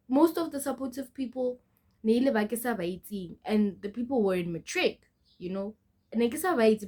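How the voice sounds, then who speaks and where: A woman's voice: on the low side, a little mellow. A young woman telling her life story in a casual vlog, chatty and often turning to her viewers. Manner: chatty, mixes in local phrases, often addresses the viewers. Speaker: vlogger.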